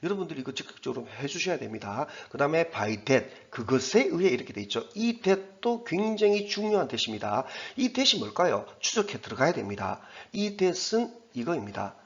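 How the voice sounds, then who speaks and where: A man's voice: medium pitch, sing-song, normal speed, few pauses, fairly bright tone, dull audio. A man teaching English grammar in Korean, explaining step by step and slipping English terms into his explanations. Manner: explains step by step, pointing at the text on the board. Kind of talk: recorded exam-prep lecture.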